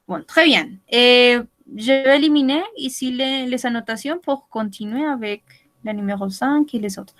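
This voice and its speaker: Slow, patient woman teaching online. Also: a little high. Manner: patient, repeats and checks in with students. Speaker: French teacher. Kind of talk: online language class.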